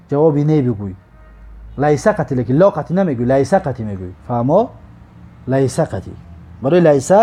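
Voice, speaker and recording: Man, Tajik accent, grammar teacher, high lively voice, mellow tone, drawn-out example words. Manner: slow, drawn-out drilling of example words, repeated for students; checks understanding with short asides. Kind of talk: recorded grammar lesson.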